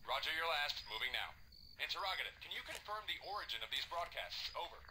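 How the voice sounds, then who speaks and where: A man's voice: fairly high pitch, very animated, fast talker. A man voicing a soldier giving clipped military reports over the radio, his voice broken by static bursts. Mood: tactical. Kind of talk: terse military radio chatter.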